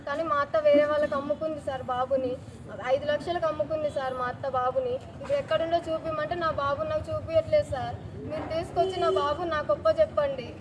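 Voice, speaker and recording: A young woman with a high voice pleads urgently, speaking quickly and circling back over the same points. She keeps addressing her listeners as sir. Loud traffic and street noise surround her outdoor recording. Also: steady tone. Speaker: complainant appealing to officials. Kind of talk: distressed street appeal to reporters.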